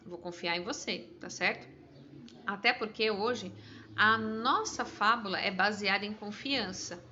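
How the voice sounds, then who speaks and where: A woman's voice: mid-range voice, unhurried, bright, forceful tone, dull audio, slight background noise. A woman with a Brazilian Portuguese accent, a teacher patiently walking her pupils through a test with encouraging, chatty asides.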